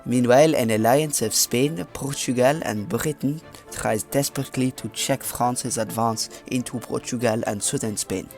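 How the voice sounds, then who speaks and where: A man's voice: medium pitch, moderate pace, few pauses, darkish tone, lightly acted. A man reading game story text aloud in a hammy mock French accent, stumbling over words as he goes, with faint game music behind.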